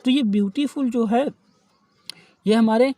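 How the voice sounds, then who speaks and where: A man teaches grammar with a dark, mellow voice. He drawls out key terms word by word, then explains them plainly, often checking in with "okay". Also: very high voice, a little slow, dry recording. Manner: frequent checking "ठीक है". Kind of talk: grammar lesson explaining definitions.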